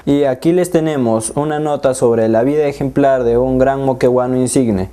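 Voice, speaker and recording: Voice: mid-range voice, steady tone, moderate pace, dark tone. A school TV co-presenter with a Peruvian accent, reading scripted links.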